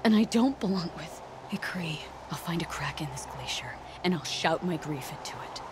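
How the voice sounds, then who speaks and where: Low-voiced, solemn, grieving young huntress. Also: female voice, lively intonation, moderate pace, very noisy. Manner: hushed, solemn. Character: grieving, resolute young woman hunter, an outcast. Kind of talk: dramatic video game acting. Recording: loud music behind. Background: game score music.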